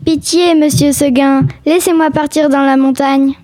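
A woman plays a little storybook goat with a high voice. She bleats and pleads, taking her words slowly. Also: fairly even intonation, a little mellow. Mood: pleading. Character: pleading young female goat longing for freedom.

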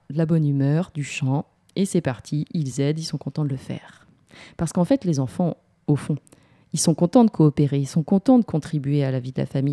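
A woman in her thirties giving parenting advice in a relaxed, hesitant way with many pauses. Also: low-pitched. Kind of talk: casual advice talk.

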